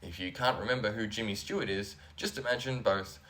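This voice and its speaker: A man's voice: fairly low pitch, a little fast, sharp tone. A man hosting a comedy show, delivering a scripted monologue in a dry, sardonic way. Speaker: host.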